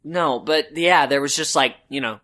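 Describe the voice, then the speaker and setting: A man's voice: on the high side, moderate pace, sharp tone. A man co-hosting a podcast, chatting casually about a book and rambling with lots of "like" and "um". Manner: rambling, full of "like" and "um". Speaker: podcast co-host. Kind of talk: casual book-discussion chat.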